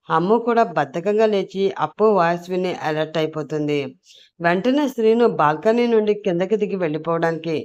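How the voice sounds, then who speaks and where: A woman storyteller narrating a serialized audio story in a steady, plain manner. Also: on the low side, muffled recording.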